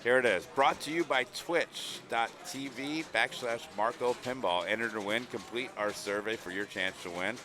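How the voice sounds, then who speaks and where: With hardly any pauses and at a normal speed, this Long Island, New York native, a middle-aged man, runs a live stream in a tournament hall. His mid-range voice stays chatty and upbeat while he works through chat messages and ads over the din of a noisy crowd.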